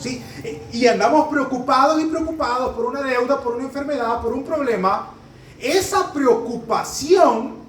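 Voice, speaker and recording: Male pastor, high voice, quick and chatty sermon delivery with loud emphatic peaks, roomy church sound heard from a distance. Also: a little hiss or hum. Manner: fast-talking, humorous, conversational preaching. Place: church sanctuary. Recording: echoey hall, heard from a distance.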